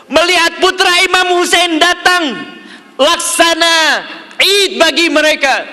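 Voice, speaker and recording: High bright-voiced male preacher, echoey hall. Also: slow. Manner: fervent storytelling, emotional swells. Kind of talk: mourning sermon narration.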